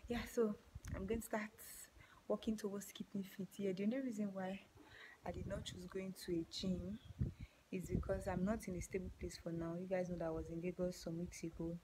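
A woman with a Nigerian accent, out of breath after exercise, chatting playfully to her viewers and often dropping to a breathy half-whisper. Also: fairly low pitch, little pitch movement, brisk, noisy background. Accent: Nigerian English. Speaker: vlogger. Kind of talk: casual chat to camera.

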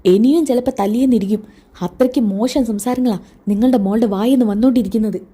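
A woman voicing an angry young husband who answers curtly and with disdain, in her own husky voice. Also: on the high side, quick pace, mellow. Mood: disdainful. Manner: curt, disdainful.

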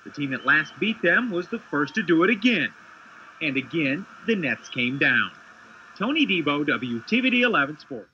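A man narrating a scripted sports highlight voice-over as a TV reporter, with punchy dramatic phrasing. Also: very animated, moderate pace, a little hiss or hum. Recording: dull lo-fi 1990s TV broadcast.

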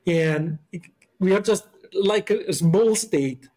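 A man with an Italian accent talks casually as a podcast guest, his voice sitting a little high for a man. He pauses and hunts for words, filling gaps with small hesitations. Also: darkish tone, slightly rough. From Italy. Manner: halting, searching for words with many fillers.

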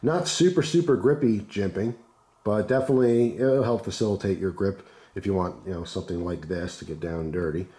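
Male gear reviewer, hoarse and congested with flu, lowish pitch, casual unscripted chatter. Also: brisk, warm tone. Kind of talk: casual unscripted product commentary. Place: indoors at a wooden table.

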